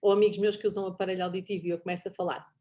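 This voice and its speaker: A middle-aged woman with a European Portuguese accent speaks as a guest in a casual online talk. Her voice sits a little low, and she laughs easily as she acts out snippets of conversation. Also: racing. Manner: animated, laughs often, acts out quoted dialogue.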